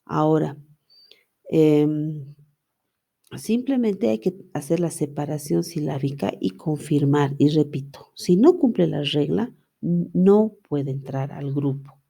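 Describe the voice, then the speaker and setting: Slow low-voiced lady teacher going over student mistakes, gravelly and kinda husky, keeps asking then answering her own questions. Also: mellow. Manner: explanatory, poses rhetorical questions and answers them. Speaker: university language teacher. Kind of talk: lecture reviewing student assignments.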